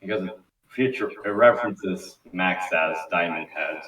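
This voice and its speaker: This low-voiced man talks a little slowly, his tone bright and forceful, as he narrates a script at a relaxed table read. He curses freely and stumbles over lines, captured by a faraway mic in an echoey, noisy room.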